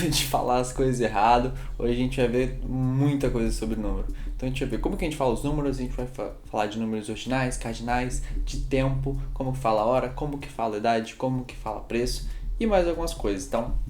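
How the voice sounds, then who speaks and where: A man's voice: mid-range voice, darkish tone, slight background noise. Upbeat man teaching English numbers. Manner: upbeat, drills numbers for the viewer to repeat. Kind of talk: casual online English lesson. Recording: echoey room with faint music.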